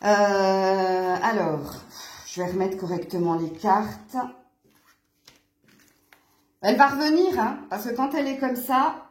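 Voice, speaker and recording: A woman's voice: mid-range voice, takes it slowly, long pauses. Chatty French woman reading cards, echoey. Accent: southern French fading toward Franche-Comté. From eastern France. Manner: chatty, laughing often, scolding her cat between cards. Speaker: card reader. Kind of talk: casual tarot reading to camera.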